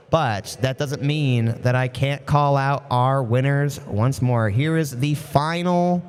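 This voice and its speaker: A man giving lively live commentary at a model car race for a stream, chatty and reading out viewer comments. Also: on the high side, clean tone. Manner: chatty, energetic, reads out viewer chat.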